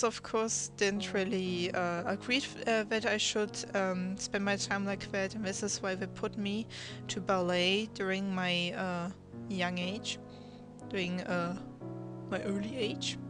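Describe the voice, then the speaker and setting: A Russian teenage girl, a native Russian speaker, hosts her channel with a draw-my-life voice-over, narrating her life story hesitantly with many restarts. Her voice is medium-pitched, fairly even, and a little slow, with music in the background.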